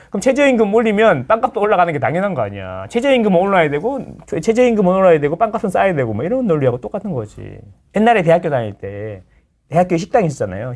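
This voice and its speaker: A middle-aged man chats casually as a guest lecturer on property. He talks quickly with a very lively pitch. He keeps acting out the people in his stories. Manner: animated, acts out quoted people in voices. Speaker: real estate lecturer, guest. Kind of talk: casual explanatory chat.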